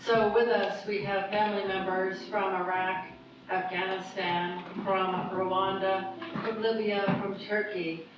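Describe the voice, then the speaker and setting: A woman's voice: mid-range voice, little pitch movement, measured pace, heavy background noise. A woman representing a survivor organization, giving a formal welcoming address. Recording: echoey distant muffled hall recording with music.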